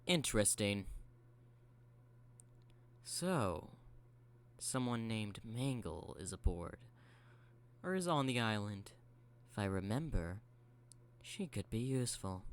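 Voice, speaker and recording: A big scheming stranger muses quietly to himself, as a man voices him. His tone is sly and calculating. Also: on the low side, sing-song, slow pace, long pauses, clean tone, exaggerated voice. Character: scheming large man in a coat.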